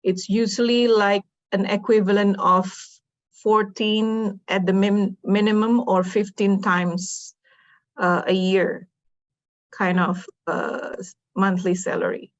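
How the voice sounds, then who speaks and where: Woman host from Indonesia, mid pitch, chatty interviewer on a muffled video call. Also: flat delivery, slow. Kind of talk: casual panel chat.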